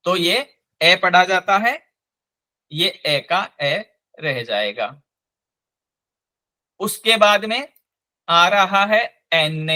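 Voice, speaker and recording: A man teaching a live online language class, slowly and patiently spelling out each sound. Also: sits high, sharp tone.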